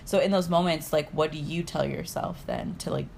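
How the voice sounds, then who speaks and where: A woman's voice: deep voice, steady tone, normal speed, vocal fry, a little mellow, a little hiss or hum. A woman in casual podcast chat, frank and profane but empathetic. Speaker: podcast co-host.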